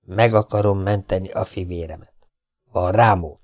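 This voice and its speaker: A man voicing a hushed young outlaw. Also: deep voice, dry recording, lightly acted. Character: young male outlaw, quiet and menacing.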